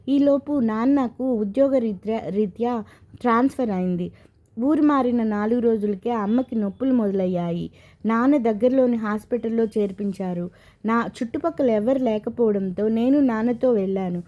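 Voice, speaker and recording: A woman voicing a grieving young married man haunted by his past, told slowly and from the heart. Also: fairly high pitch, highs cut off, natural voice.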